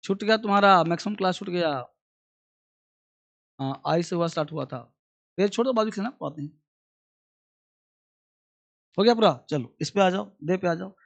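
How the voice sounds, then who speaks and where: A man teaching a class, repeating English sounds and pronouns with an Indian accent for students to copy and giving brisk instructions. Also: sits high, creaky. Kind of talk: classroom pronunciation drill.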